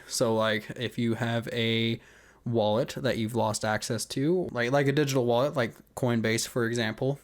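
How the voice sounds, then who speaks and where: A man giving casual, conversational screen-recording commentary, explaining step by step and often checking in with the listener. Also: medium pitch. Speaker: video creator walking through an account hack.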